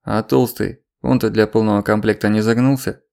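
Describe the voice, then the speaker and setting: A man reading an audiobook, voicing a gruff, sardonic middle-aged official woken in the night. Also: fairly low pitch, steady tone, moderate pace, a little mellow.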